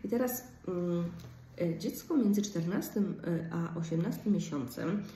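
Mellow-voiced woman in a roomy space. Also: lowish voice, measured pace. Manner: explanatory, with frequent hesitations and fillers. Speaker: speech therapist. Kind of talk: informal lecture. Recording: roomy, from a distance, faint background noise.

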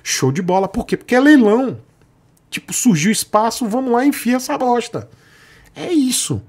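A man's voice: extremely high pitch, big pitch swings, moderate pace, a little mellow, breathy edge. A middle-aged man with a Brazilian accent, a vlogger explaining things bluntly and sarcastically. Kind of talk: ranting explanation.

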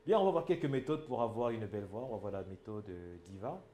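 A man's voice: fairly low pitch, lively intonation, fast talker, dark tone, echoey room, slight background noise. A man with a Cameroonian French accent giving an emphatic speaking lesson and often checking that his listeners follow. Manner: emphatic, asks the audience if it is clear. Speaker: public speaking trainer. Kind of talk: instructional talk.

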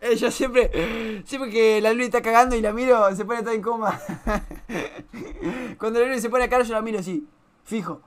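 A man's voice: very high-pitched, steady tone, moderate pace. A young man with a Rioplatense Spanish accent giving casual reaction commentary on a stream. He swears a lot and laughs often.

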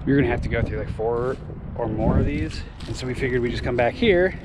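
A man's voice: medium pitch, fast, background noise. A young man casually narrating a hike outdoors in the woods, talking to a handheld action camera. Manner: relaxed, easygoing narration to camera. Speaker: vlogger. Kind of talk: casual hiking vlog chat. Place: outdoors in wooded lakeside hills.

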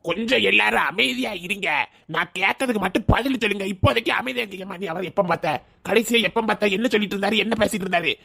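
A man's voice: high-pitched, gravelly, sharp tone, full character voice. A man voicing a stern village police officer questioning people, with a Kanyakumari Tamil accent. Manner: brisk, authoritative questioning. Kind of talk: cartoon voice acting.

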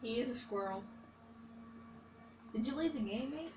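A woman's voice: fairly high pitch, lively intonation, normal speed, music in the background. A woman talking over a phone video call, teasing her friend playfully in casual chat. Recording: roomy, distant phone call with faint hiss.

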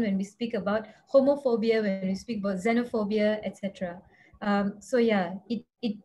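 A woman in her thirties speaks on a video call, her voice sitting fairly high. She talks earnestly and with emphasis, often pausing on fillers. A faint hiss of noise runs under her. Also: darkish tone. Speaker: member of parliament, panelist. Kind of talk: webinar panel remarks. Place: indoor home room, virtual background.

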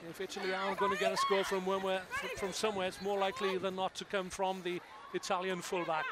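A man's voice: sits high, completely flat delivery, quick pace. A man giving live sports commentary at an outdoor match, chatty and fond of little background stories about the players. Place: outdoor stadium. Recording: commentary over loud crowd and field noise.

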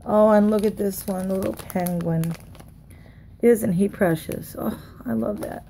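Slow gravelly woman gushing over crafts. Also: medium pitch, steady tone, mellow, a little hiss or hum. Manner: gushing, chatty, talks to viewers while unwrapping. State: tired. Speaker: craft vlogger. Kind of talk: casual unboxing chat.

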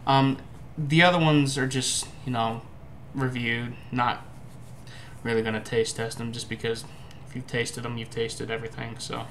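A young adult man reviews food as an amateur, chatting casually to camera from a room at home in a noisy recording. He's hesitant, halting and musing, and his mid-range voice is level in tone and a bit bright.

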